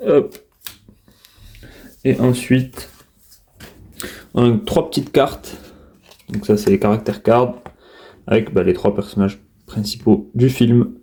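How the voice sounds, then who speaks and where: Dark-voiced man chatting through an unboxing. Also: mid-range voice, takes it slowly, long pauses. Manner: chatty, hesitant, many fillers and restarts. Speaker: collector unboxing steelbooks. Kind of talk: casual unboxing commentary.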